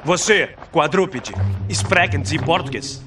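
An actor voicing a scheming penguin commander in an animated film, giving clipped military orders. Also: male voice, a little high, slow pace, music in the background. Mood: suspicious.

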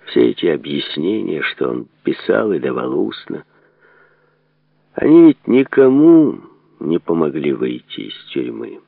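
A man reading an audiobook aloud in a measured, serious delivery, in a dry phone-like narrow recording. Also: very deep voice, sing-song, vocal fry, dry recording. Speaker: narrator.

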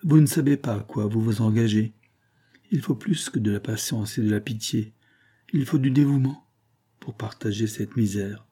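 A man's voice: lowish voice, moderate pace, dark tone, husky. A man voicing a sick, self-pitying middle-aged glassmaker who moans and pleads in a plaintive, feverish voice. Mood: pleading. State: feverish and in pain.

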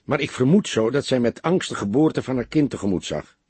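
Man voicing a calm, wry veteran detective. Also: mid-range voice, slightly rough, dry recording, voice pushed up. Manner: calm and deliberate. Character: calm, wry older male police detective.

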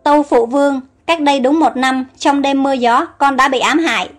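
Woman reading as an earnest young prince, polite, high voice, storybook, faint music. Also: fairly quick, natural voice.

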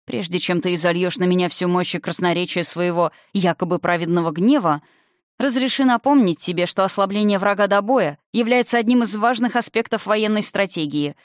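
A reader voicing the spirit of an older father, calm and condescending, who lectures with mocking haughtiness in an audiobook. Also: high-pitched, fairly quick, no echo, clean studio sound, close to an everyday voice. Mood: haughty. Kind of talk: audiobook character reading.

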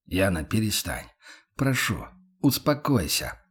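A man reading an audiobook, voicing a weary, guarded young man who speaks low and restrained. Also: sing-song, moderate pace, darkish tone, breathy edge. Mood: hushed. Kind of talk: audiobook character voice.

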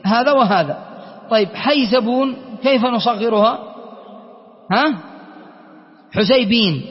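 A man teaching Arabic grammar in a classroom lesson, speaking slowly and deliberately, repeating words and asking his students check questions. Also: sits high. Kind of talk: classroom lesson explaining poetry verses. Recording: dull lo-fi sound with long hall reverb.

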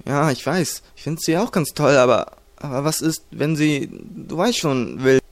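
A man's voice: on the high side, expressive, a little slow, vocal fry. A man voicing a naive young man from a village, amazed and hesitant, in a storybook reading. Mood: wondering.

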